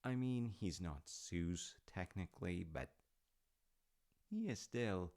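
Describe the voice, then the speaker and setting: Playing a fond, proud dad in an audio roleplay, a man uses an exaggerated, animated voice that's low-pitched with a darkish tone. He goes slowly, musing and rambling through stories conversationally with hesitant asides, in an intimate storytelling style and a musing, fond mood.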